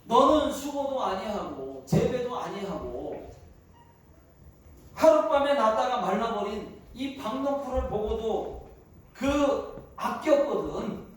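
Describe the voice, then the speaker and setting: A preacher voicing a calm, rebuking fatherly God. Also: extremely high pitch, slow, heavily acted. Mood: gently rebuking. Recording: echoey hall, far from mic.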